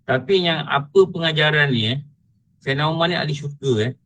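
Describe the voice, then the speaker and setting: A middle-aged man with a Malaysian Malay accent who teaches religion and gives a colloquial online lecture in a lively storytelling style, with big swings in pitch. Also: a little fast, poor audio.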